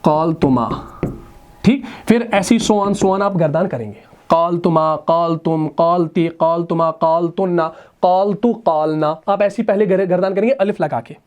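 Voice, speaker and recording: A man teaching Arabic grammar at a board, patiently explaining and slowly reciting verb forms, calling his students brother. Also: sits high, a little mellow. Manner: patient, addresses students as brother, personifies letters.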